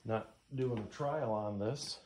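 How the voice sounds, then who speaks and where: Talking while he works in a garage, a middle-aged DIY engine rebuilder mutters his way through an informal how-to. He speaks slowly in a fairly low, darkish voice, with a little hiss or hum on the recording.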